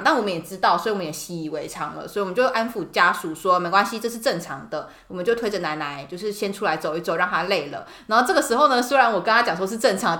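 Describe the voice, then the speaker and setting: A woman's voice: medium pitch, bright, forceful tone, reverberant. A woman nurse hosting a casual chat, telling work stories with lots of laughter and acted-out voices. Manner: giggly, acts out patients' voices. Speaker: podcast host, nurse.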